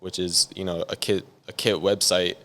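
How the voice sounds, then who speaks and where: Speaking at a normal speed in a low voice, a young San Diego music producer gives a casual, rambling interview, relaxed and heavy on "like."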